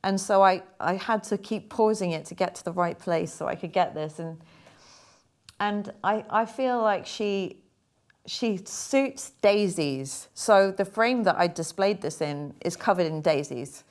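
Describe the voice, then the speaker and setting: A young woman, chatting casually and a bit haltingly about her paintings. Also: mid-range voice. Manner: chatty, rambling, hesitant with fillers. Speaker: artist talking through her paintings. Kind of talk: casual chat.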